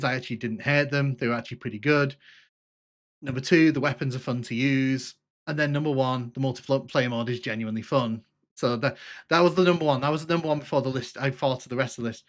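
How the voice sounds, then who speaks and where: A gaming streamer from the north of England, with a mid-range voice and a faint Liverpool twang, makes casual live chat with viewers over gameplay. He's chatty and informal but halting, repeating phrases as he goes.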